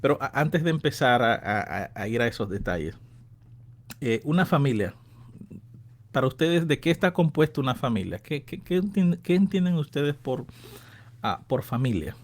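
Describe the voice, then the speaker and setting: Man in his thirties, radio host, friendly, chatty, mid-pitched. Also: expressive, normal speed. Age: 30s. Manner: friendly, chatty, laughs often. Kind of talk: casual radio Bible-lesson talk.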